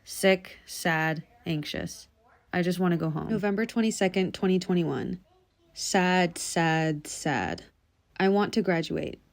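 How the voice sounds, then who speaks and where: A woman with a slightly low voice reads from her own diary, one dated entry after another. Her delivery is quiet, subdued and confessional, and it stays close and intimate throughout. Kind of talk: reading personal journal entries aloud.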